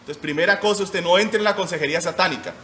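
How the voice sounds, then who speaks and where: A man's voice: sits high, quick pace, sharp tone. A man in his forties preaching a short sermon as pastor, emphatic and firing rhetorical questions at his listeners. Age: 40s.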